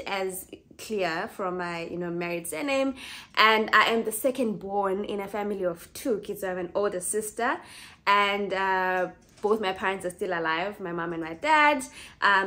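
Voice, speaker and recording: A woman in her twenties with a Zimbabwean accent, chatting casually to camera as a vlogger, talking in a relaxed way, laughing easily and correcting herself as she goes. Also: mid-range voice. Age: 20s.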